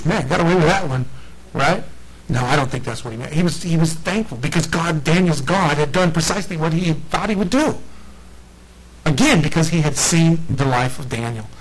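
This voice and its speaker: On a rough recording, a man with a fairly high voice delivers a casual sermon, retelling scripture as an animated storyteller. He acts out lines in playful, slangy voices and laughs often.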